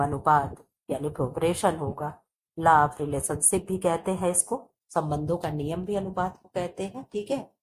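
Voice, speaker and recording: A woman's voice: fairly low pitch, a little mellow, slight background noise, poor audio. A woman teacher going through exam questions, reading out each option and then answering it herself. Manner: reads options aloud and answers them herself. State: coughing, chest sore. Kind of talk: exam-prep lesson.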